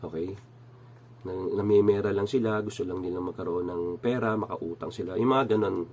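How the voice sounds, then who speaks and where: A man's voice: low voice, steady tone, fairly quick, darkish tone. A middle-aged man with a nasal voice, casually telling a personal story with many fillers and restarts while he has a cold. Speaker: channel host.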